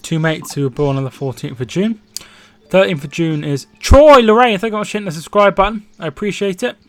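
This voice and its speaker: A man's voice: high-pitched, fast, dry recording. A man in his twenties from England, casually co-hosting a football watchalong stream, chatting and reading out viewer comments. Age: 20s. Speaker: livestream co-host.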